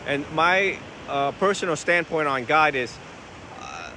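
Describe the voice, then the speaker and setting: Vietnamese-born monk talking by the surf. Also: male voice, fairly high pitch, unhurried. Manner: relaxed, conversational, rhetorical questions. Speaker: Buddhist monk answering questions. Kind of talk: casual outdoor Q&A talk. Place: outdoors by the ocean beach. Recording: phone recording with wind and surf noise. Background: ocean waves and wind.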